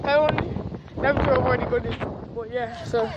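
A teenage vlogger, jittery and excitable, talking to a handheld camera while exploring a derelict house. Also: female voice, fairly high pitch, moderate pace, dull audio. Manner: jittery, excitable, says yo a lot. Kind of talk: casual vlog narration while exploring. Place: outdoors and inside a derelict house. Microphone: handheld camera at arm's length. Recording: noisy handheld camera audio.

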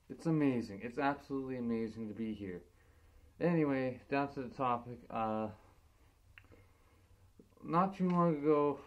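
A man's voice: mid-range voice, clean tone. A young man in a casual vlog, muffled through a costume head, talking earnestly with stumbling restarts. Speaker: vlogger.

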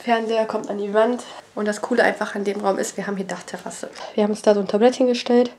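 Quick-paced and fairly even, her mid-range voice is a little mellow, with a little hiss or hum behind it. This young woman has a cold and chats while touring her family home, pointing things out as she holds a handheld wide-angle camera at arm's length.

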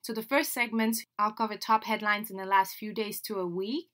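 Bright-voiced French-speaking podcast host woman. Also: medium pitch, fairly even intonation, normal speed. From Senegal. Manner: chatty and upbeat, laughs between phrases. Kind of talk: solo podcast introduction.

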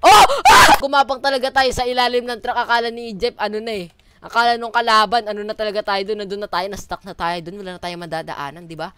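A woman's voice: mid-range voice, steady tone, fast talker, a bit bright, slight background noise. A woman with a Filipino accent giving casual commentary on a horror game, jumpy and screaming at the scares. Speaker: gaming streamer.

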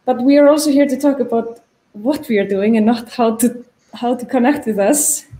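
A woman's voice: fairly high pitch, normal speed, mellow, reverberant. A woman presenting an initiative during a conference keynote over a video call, talking casually with fillers and self-corrections.

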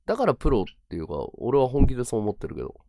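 Man, livestream chat, mid pitch, very lively swings, dry close sound, slangy and emphatic. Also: racing, dry recording. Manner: swings between excited bursts and low mumbled asides; rough slangy talk, repeats words for emphasis. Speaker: live streamer. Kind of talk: casual livestream chat with viewers.

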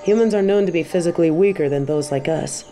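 A woman playing a stern but warm-hearted tiger kung fu master in a roleplay audio, speaking in a measured, composed way to the listener. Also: fairly low pitch, faint music behind, lightly acted. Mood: measured, approving. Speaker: voice actor in a fan roleplay audio. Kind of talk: scripted roleplay addressed to the listener.

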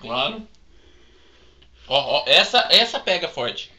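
A man's voice: fairly high pitch, big pitch swings, slow pace, sharp tone. Jumpy, joking man. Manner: nervous, joking, yelps. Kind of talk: casual chat. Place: house indoors.

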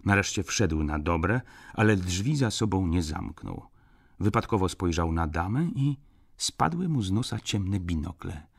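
Male audiobook narrator, low voice, husky, lively intonation, literary reading. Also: a little slow.

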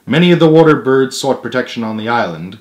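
A young adult man with a mid-pitched voice reads a children's story quickly, mixing lively storytelling with casual asides. He's at home in the living room, picked up by a camera a little way off.

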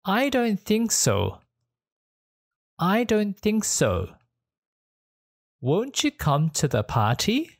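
A speaker reading short English questions and answers slowly and clearly, saying each line twice for learners. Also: medium pitch, dry recording, studio quality. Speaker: English teacher. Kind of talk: slow repeated phrase reading for learners.

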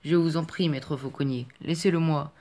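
A man's voice: fairly high pitch, steady tone, moderate pace, darkish tone, lightly acted. A man voicing a frightened but defiant peasant boy in an audiobook reading, with a pleading, urgent delivery.

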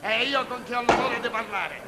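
An actor playing a bumbling, excitable everyman in a TV comedy sketch, echoing others and muddling words. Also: very high voice, normal speed. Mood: bewildered, chatty. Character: bumbling, clueless, excitable everyman stranded aboard a spaceship. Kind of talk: 1970s Italian TV comedy sketch. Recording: old noisy TV recording, reverberant studio.

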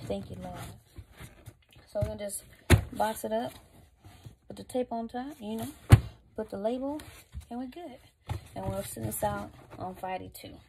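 Chatty gravelly-voiced woman vlogger. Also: mid-range voice, heavy background noise. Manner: chatty, loose, slangy asides. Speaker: vlogger and online seller. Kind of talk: casual chat while packing orders.

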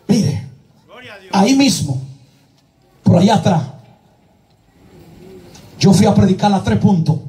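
A man's voice: high voice, far from the mic. A man preaching a fiery sermon as an evangelist, calling out prayers and repeating praise refrains between his phrases. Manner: shouted exclamations and chanted deliverance prayers.

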